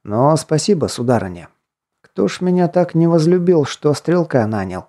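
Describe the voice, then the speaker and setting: A man's voice: fairly high pitch, big pitch swings, moderate pace, warm tone, pitched above the performer's own voice. A man voicing a stern nobleman and former detective who gives curt, commanding orders in an audiobook.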